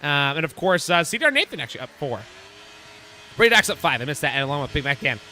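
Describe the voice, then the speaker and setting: A man commentates an online racing league live with fast play-by-play. His voice sits high and sounds very bright and forceful, and it strains as if he is losing it. Faint hiss runs under the recording. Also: sing-song. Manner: rapid play-by-play that jumps to shouts at close moves. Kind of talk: excited live esports race commentary.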